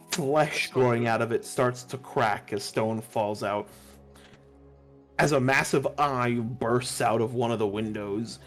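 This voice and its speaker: A man runs a tabletop role-playing game as game master. His voice sits in a middle range as he narrates the scene, with soft music playing behind him on an online call. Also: medium pitch. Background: background music.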